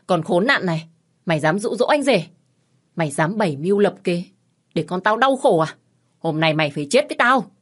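A woman voicing a loud, quarrelsome woman over fifty who shouts and wails theatrically in an audio story. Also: expressive, quick pace, lightly acted. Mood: furious. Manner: shrill, wailing, theatrical ranting.

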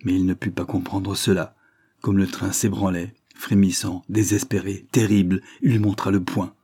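A man reading a literary short story aloud in a measured, expressive narration. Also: low-pitched, husky, dry recording, clean studio sound. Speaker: audiobook reader.

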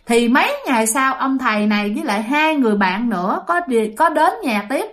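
A woman's voice: a little high, animated, a little fast, fairly bright tone. A woman telling a ghost story in a chatty way, speaking directly to listeners. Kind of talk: casual spoken ghost story.

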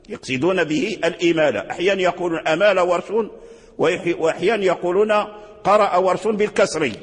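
A man's voice: a little high, husky, long reverb tail. A man teaching Quran readings in an explanatory lecture. He repeats words and restarts often, and sometimes chants the example words.

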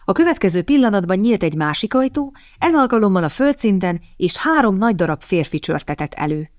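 A woman reading an audiobook in a measured, even scripted narration, recorded close on a studio mic. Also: mid-range voice, dry recording.

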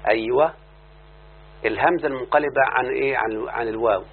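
Firing questions at his students and waiting for their replies, a male teacher with an Egyptian Arabic accent talks fast at a medium pitch. A faint hum runs beneath the thin, phone-like recording.

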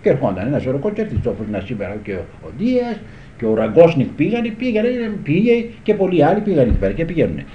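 A man's voice: fairly high pitch, wildly swooping pitch, slight background noise. Rambling older man on old tape. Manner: rambling, repeats "you understand" often. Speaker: guitar teacher recalling the past. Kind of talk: conversational reminiscing. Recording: echoey room, dull old tape.

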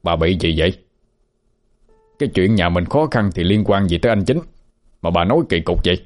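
Guy doing grumpy old village husband, super low voice, bouncy pitch, snappy. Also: animated, fairly quick, faint music behind. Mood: annoyed. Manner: curt, scolding. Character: gruff older village husband, irritable.

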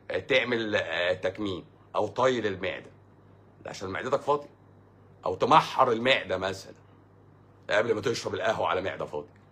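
A man's voice: medium pitch, pushed and bright, breathy edge. A man with an Egyptian accent hosting a livestream, answering viewer comments in a sarcastic, mocking, rambling way. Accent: Egyptian Arabic. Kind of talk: sarcastic casual livestream talk.

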